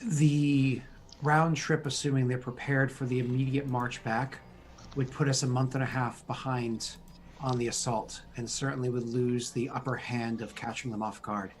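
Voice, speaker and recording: A man playing a tabletop game, speaking deliberately and in measured, formal wording as he acts in character. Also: medium pitch, steady tone, a little hiss or hum.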